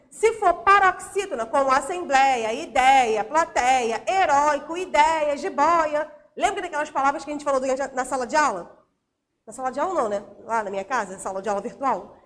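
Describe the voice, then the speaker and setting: A woman's voice: high-pitched, fairly bright tone. A Brazilian Portuguese-accented woman teacher giving a recorded grammar review lesson from home, explaining patiently and checking in with her students.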